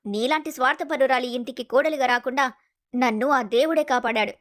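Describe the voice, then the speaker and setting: A woman's voice: high-pitched, fairly quick, a bit bright. A woman voicing a young daughter in a storybook, fierce toward her in-law and pleading in distress. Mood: scornful. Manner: pleading, emotional. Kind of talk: storybook voice acting.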